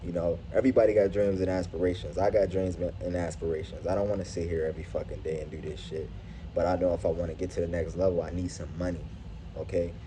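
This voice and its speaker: A man with a deep voice, slightly muffled by a face mask, talks casually and earnestly to camera like a motivational vlogger. His tone is mellow and his wording slangy and profane, with faint noise behind him. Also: little pitch movement, quick pace. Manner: earnest, slangy, profane street talk, addressing viewers as bro and dog. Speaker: YouTube vlogger. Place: at his workplace.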